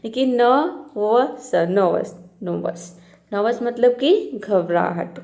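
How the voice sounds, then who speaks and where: A woman's voice: a little high, slow pace, warm tone. A woman gives a spoken pronunciation lesson. She explains each rule step by step and repeats every example word before giving its meaning. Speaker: English teacher.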